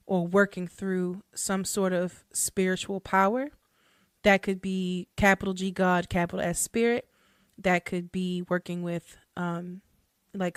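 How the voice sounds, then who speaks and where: A woman's voice: lowish voice, clean tone, no echo, studio quality. A woman hosting a casual solo podcast, talking loosely with plenty of fillers, restarts and frequent laughter. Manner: chatty, laughs often, many fillers and restarts. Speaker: podcast host and hoodoo practitioner.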